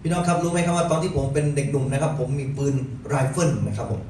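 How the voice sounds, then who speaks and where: A man's voice: a little high, racing, mellow. A man interpreting a sermon phrase by phrase for a congregation, addressing them politely and often. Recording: very echoey hall, distant, noisy.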